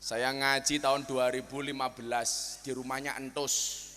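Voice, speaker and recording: A man's voice: mid-range voice, flat delivery, measured pace, sharp tone, slight background noise. A man with a Javanese accent preaching a humorous sermon to a crowd, joking and telling stories as he switches between dialects. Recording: long hall reverb.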